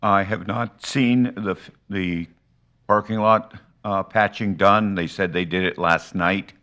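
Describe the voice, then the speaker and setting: A man testifying as an inspector at a hearing, halting and factual in his delivery. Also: low-pitched, fairly even intonation, pushed and bright. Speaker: city inspector.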